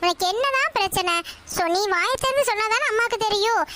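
A woman's voice: very high-pitched, brisk, background noise. A woman doing a fretful village mother. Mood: coaxing. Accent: Tirunelveli Tamil. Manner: pleading, fretful. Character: worried village mother, anxious and pleading.

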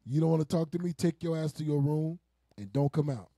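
A man's voice: on the high side, brisk, vocal fry, dark tone, dry recording. A man leading a casual group teaching session, joking and laughing often with the people around him. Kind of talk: casual preaching, joking banter.

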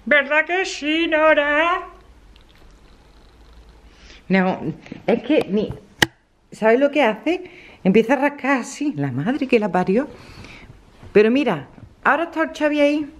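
Lady in her 50s chatting away in a home vlog, kinda high voice, laughs a lot. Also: very animated, normal speed, long pauses, a little mellow, a little hiss or hum. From Spain. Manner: chatty, laughs often, quotes others in dialogue. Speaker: vlogger. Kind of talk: casual vlog chat.

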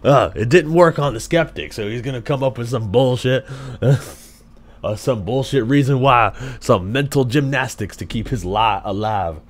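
A man's voice: medium pitch, moderate pace. A man streaming a casual video reaction, talking in an incredulous, slangy way full of swearing.

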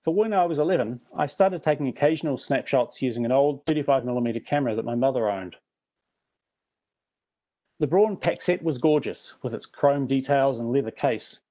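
A man's voice: medium pitch, brisk, warm tone. A middle-aged man with a New Zealand accent, giving a prepared presentation with dry, self-deprecating humour.

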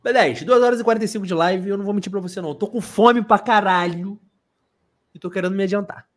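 A man's voice: sits high, quick pace. A young man co-hosting a football live stream, laid-back and slangy, drawling his words. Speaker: co-host of a football channel. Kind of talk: casual live-stream chat.

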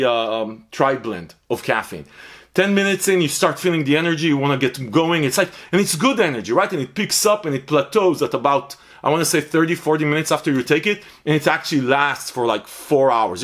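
A man's voice: a little high, fairly bright tone. A man reviewing a pre-workout supplement in a blunt, profane, rambling way, repeating himself for emphasis. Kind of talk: casual review vlog.

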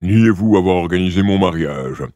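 A man voicing a weary, stern old king in an audiobook, speaking slowly and gravely. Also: dark tone, dry recording, lightly acted. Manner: slow, low and deliberate, dropping to confiding. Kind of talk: audiobook character voice.

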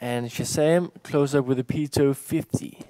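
A man with a Danish accent giving relaxed analytical color commentary on a competitive shooter match. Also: mid-range voice, unhurried, no echo. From Denmark. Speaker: esports co-commentator.

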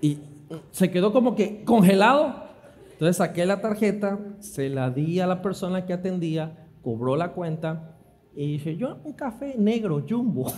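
Animated preacher with a high, mellow voice. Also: male voice. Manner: animated storyteller acting out dialogue, laughing. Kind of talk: storytelling sermon.

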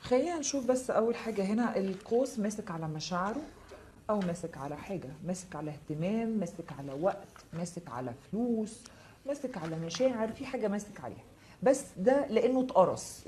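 A woman with an Egyptian Arabic accent giving a live tarot reading, answering viewers' comments with quick, reassuring, direct advice. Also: medium pitch, warm tone, slight background noise. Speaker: tarot reader.

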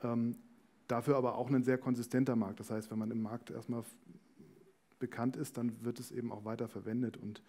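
Brisk and level, his mellow voice at medium pitch, a managing director explains things as an interview guest. The setting is a small indoor stage in front of a talk-show panel, and he speaks into a headset mic.

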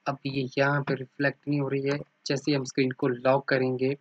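A man's voice: medium pitch, completely flat delivery, a little fast, no room sound. Man teaching a computer lesson, dry lo-fi mic. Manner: repeats "ठीक है" after nearly every point; points things out on screen with "ये देखो". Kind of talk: screen-recorded computer lesson. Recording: dry, slightly dull lo-fi mic.

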